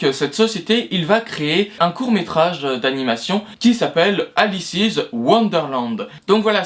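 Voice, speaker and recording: Higher-voiced man explaining casually. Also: a bit bright. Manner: chatty, hesitant, many fillers and restarts. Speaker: video host.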